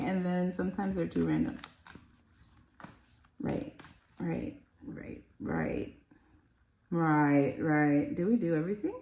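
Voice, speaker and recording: A woman's voice: lowish voice, a little mellow, echoey room, slight background noise. A woman giving a casual, rambling spiritual card reading, chatty and enthusiastic. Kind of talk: casual tarot-style reading.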